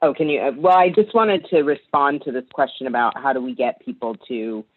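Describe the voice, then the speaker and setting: A man speaks up at an online meeting, searching for his words as he goes. His audio keeps breaking up, with endings cut off. It all comes through a narrow, tinny, phone-like call line at an ordinary middle pitch. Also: fairly quick, no room sound. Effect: choppy audio cutting out mid-word. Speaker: doctor giving public comment. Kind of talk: public comment at an online meeting. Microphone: video call.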